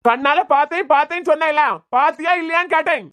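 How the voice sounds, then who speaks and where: Woman playing stern man doctor, Kanyakumari Tamil accent, cartoon, quick sharp questioning, a bit high. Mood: pressing. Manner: sharp, interrogating, scolding. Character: stern young male doctor, righteous uncle. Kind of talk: cartoon voice acting.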